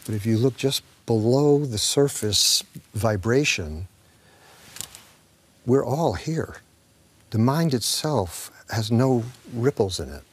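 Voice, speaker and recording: A man's voice: medium pitch, expressive, takes it slowly, breathy edge. A man, an actor, talking reflectively in an interview and telling a story with acted-out dialogue, sometimes dropping to a whisper.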